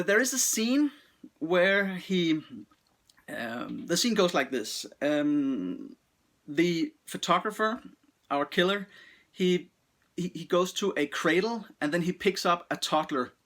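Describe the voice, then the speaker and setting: A man talking through a film review in a bright, clear-toned voice that sits a little high for a man. He speaks off the cuff, stumbling, restarting and filling gaps with ums. His language is blunt and sprinkled with swearing. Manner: halting, many restarts and fillers, blunt swearing. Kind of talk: casual film review talk.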